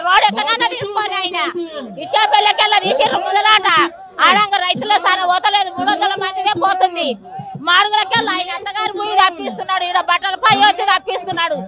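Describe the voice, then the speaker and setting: Older Telangana woman pleading amid a crowd. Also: very high-pitched. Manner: pleading, lamenting. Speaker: protesting farmer. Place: outdoors at a protest. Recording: loud crowd around.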